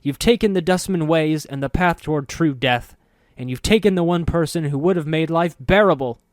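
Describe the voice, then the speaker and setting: A man's voice: medium pitch, slow pace, a little mellow, clear, resonant tone, no echo, clean studio sound. An actor playing a bitter, desperate man who talks in a strained, raised, emotional way. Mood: anguished.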